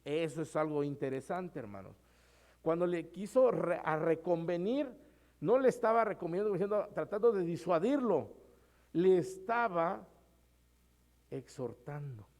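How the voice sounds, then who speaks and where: Male pastor, relaxed conversational sermon delivery, voice slightly higher than average. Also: unhurried. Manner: conversational preaching, often adds "hermanos".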